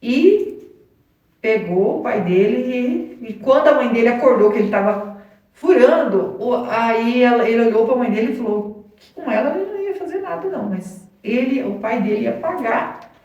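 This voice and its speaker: A woman's voice: fairly high pitch, expressive, moderate pace, darkish tone, dull audio. A woman hosting her own channel, retelling a story in a rambling casual way with constant tag questions, recorded outdoors. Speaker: channel host. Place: outdoors on location, dusty corn area. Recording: very echoey, mic far off.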